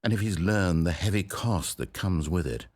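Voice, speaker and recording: An actor playing a fussy, needy video game narrator with a pompous, theatrical manner. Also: male voice, moderate pace. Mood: wistful. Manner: theatrical, pompous, highly expressive.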